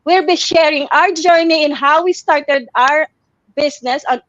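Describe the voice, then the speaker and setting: A woman hosting a live online talk, introducing her guests with many pauses and fillers. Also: sits high, dry recording. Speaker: host. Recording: dull lo-fi dry sound.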